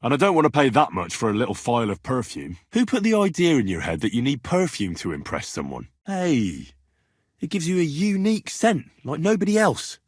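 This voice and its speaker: Trying to persuade, the stubborn young investigator from a video game speaks a little fast in a mid-range, sing-song voice with a slight roughness. He keeps his questions earnest and plain. It's recorded close and dry, with no room sound at all.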